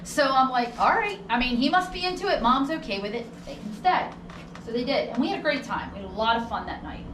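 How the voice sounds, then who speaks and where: A woman's voice: high-pitched, animated, quick pace. Woman tour guide telling stories, roomy distant recording. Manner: conversational, acts out quoted dialogue. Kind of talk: casual storytelling on a ghost tour. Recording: roomy, distant mic with noticeable background noise.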